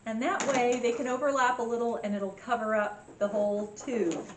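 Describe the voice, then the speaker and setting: A woman with a fairly high voice talks in an echoey room. She guides children through a craft in simple steps, like a cheery kids' host. Faint noise sits behind her. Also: fairly even intonation, moderate pace. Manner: simple, instructional talk addressed to children. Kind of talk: step-by-step craft tutorial for children. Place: indoor room with echo.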